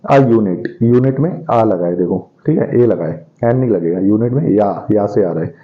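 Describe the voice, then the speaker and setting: A man teaching an English grammar lesson, explaining step by step and asking questions that he answers himself. He reads the English example sentences slowly. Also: lowish voice, animated. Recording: dull lo-fi recording.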